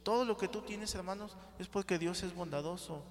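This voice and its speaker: A man's voice: high-pitched, a little fast. A man preaching a sermon, often asking the congregation "sí?" and calling them brothers. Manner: calls out to the congregation with frequent "sí?" and "hermanos". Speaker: pastor. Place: church hall. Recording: reverberant church hall with congregation.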